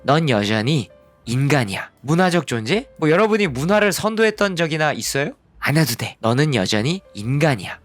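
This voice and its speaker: A man in his thirties teaches a middle school ethics lesson, acting out mock dialogues with big swings in pitch. His fairly high voice is recorded close and dry, with faint music underneath. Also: no echo. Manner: animated, acts out mock dialogues, switches to casual speech. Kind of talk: lively online lecture to students.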